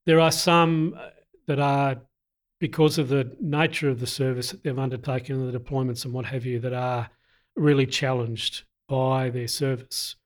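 A middle-aged man, an army veteran, answering interview questions in a deliberate, earnest way with frequent pauses. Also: medium pitch, little pitch movement. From Australia.

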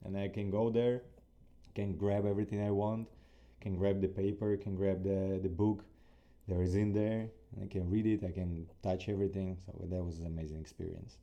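Low, dark-voiced man with Ukrainian accent. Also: little pitch movement, normal speed, muffled recording. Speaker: interview guest, athlete. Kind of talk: casual conversational interview answers.

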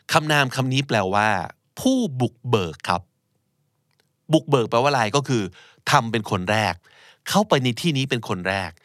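A man's voice: medium pitch, a bit bright, no echo, studio quality. A man teaching English vocabulary in a casual lesson, patiently explaining each word and repeating it. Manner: patient, explains words slowly and repeats them.

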